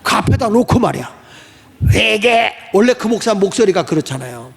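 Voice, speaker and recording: Male pastor, storytelling sermon, raspy fry in a high voice, long hall echo. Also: moderate pace. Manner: animated, acts out quoted voices.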